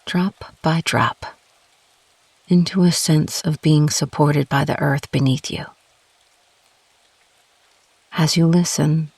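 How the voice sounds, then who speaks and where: A woman guides a meditation slowly and restfully, her low, creaky, husky voice gentle and calm with pauses between phrases. The recording is dry and intimate, with little room around her and no echo.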